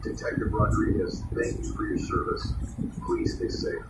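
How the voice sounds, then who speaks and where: A man's voice: normal speed, lightly acted. Casting: male actor as grave, alarmed emergency radio host for a drama, urgent, echoey and far from the mic. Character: alarmed radio news host during apocalyptic outbreak. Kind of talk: radio drama news broadcast. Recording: very noisy, echoey, distant radio broadcast.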